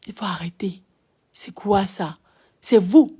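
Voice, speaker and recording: A woman's voice: medium pitch, takes it slowly, mellow, husky. A woman with a Cameroonian French accent, scolding her audience in an impassioned monologue full of repeated rhetorical questions. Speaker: social media commentator. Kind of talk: impassioned live-video monologue.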